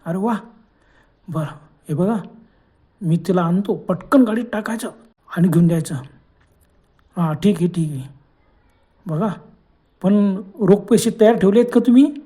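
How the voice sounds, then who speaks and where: A sly, excitable young schemer from a spoken horror story, as a male narrator puts him on. His voice sits higher and louder than the narrator's own, yet keeps a mellow, dark tone. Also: unhurried, pauses often, slightly rough. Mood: scheming. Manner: loud, agitated exclamations.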